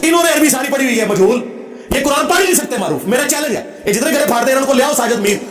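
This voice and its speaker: A man's voice: very high-pitched, expressive, rapid-fire, roomy sound. A man speaking as a religious speaker, lecturing emphatically and combatively and reciting Arabic phrases to make his point. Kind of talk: lecture answering a question.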